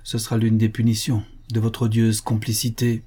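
A man's voice: lowish voice, monotone, moderate pace, mellow, slightly rough. A man reading the part of a domineering, sardonic aristocratic husband with a threatening tone. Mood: menacing. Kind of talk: audiobook character reading.

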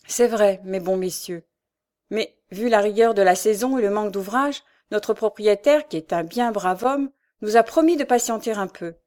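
A woman's voice: medium pitch, normal speed, a little mellow, natural voice. A woman voicing a poor young husband in an audiobook, frightened and pleading. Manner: trembling, pleading. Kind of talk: audiobook character voice.

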